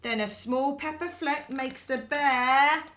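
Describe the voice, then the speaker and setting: A woman's voice: high-pitched, slow pace, a bit bright. A woman reading a children's bedtime story aloud expressively, as if speaking directly to young listeners.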